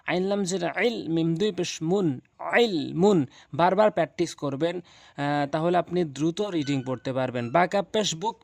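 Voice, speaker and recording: A man teaching Quran reading, spelling out syllables slowly and repeating them as drills. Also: fairly high pitch, no echo. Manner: slow, drilling repetition of syllables. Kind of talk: spelling-out recitation lesson.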